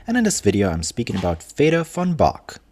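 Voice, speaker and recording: A man with a deep voice and a German accent narrates history from a script. He reads in a measured way as the host, now and then stumbling over a word. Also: wildly swooping pitch, darkish tone.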